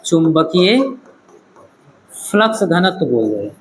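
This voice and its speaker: A man's voice, on the high side with big pitch swings, teaches physics slowly in a classroom-lecture style. The recording is low-quality with slight background noise. He questions his students, checks their understanding, and addresses them as "beta."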